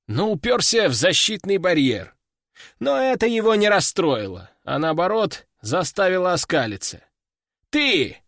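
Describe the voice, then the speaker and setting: A man's voice: high-pitched, no echo. A man narrating a fantasy audiobook in first person, with dry, wry storytelling.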